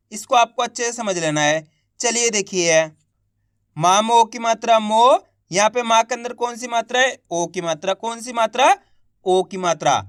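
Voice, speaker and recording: A man teaching beginners to read Hindi, spelling out syllables slowly and patiently and having the viewer repeat after him. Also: extremely high pitch, a bit bright, dry recording, studio quality.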